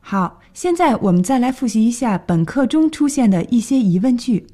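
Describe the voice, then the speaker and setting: A woman presenting a scripted radio language lesson, clearly explaining and translating each phrase. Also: fairly high pitch, sing-song, moderate pace, warm tone. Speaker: radio English teacher.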